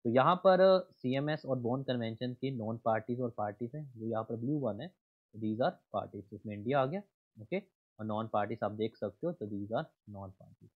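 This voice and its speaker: A man's voice: medium pitch, moderate pace. A man teaching an exam class over slides, reading the slide text aloud and then explaining it in Hindi asides while checking that students follow. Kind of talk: slide lecture mixing Hindi and English. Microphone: voice-over on screen recording. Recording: tinny phone-like audio.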